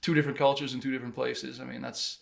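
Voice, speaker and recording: A man's voice: medium pitch, flat delivery, racing, vocal fry. A man co-hosting a podcast, asking questions with eager, emphatic enthusiasm. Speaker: podcast co-host. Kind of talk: casual interview chat.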